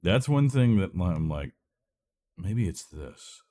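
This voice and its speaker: Though he takes it slowly, this deep-voiced let's play gamer is very animated, with a warm tone. He's congested from a cold he's recovering from, sounding stuffy and nasal as he rambles and thinks aloud in casual commentary on a video game.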